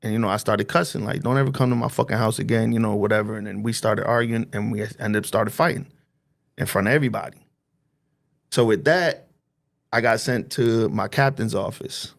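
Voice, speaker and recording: Brief: New man in his forties, gravelly voice, swears freely while acting out dialogue. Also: fairly low pitch, fairly even intonation, moderate pace. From New Jersey. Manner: streetwise and profane, acting out dialogue. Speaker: guest. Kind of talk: casual storytelling.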